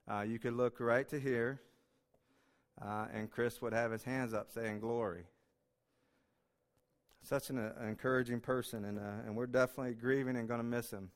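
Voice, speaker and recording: Emotional male pastor, clear voice. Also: mid-range voice, fairly even intonation, normal speed. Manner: emotional, self-deprecating, with many fillers. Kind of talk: sermon. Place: church sanctuary.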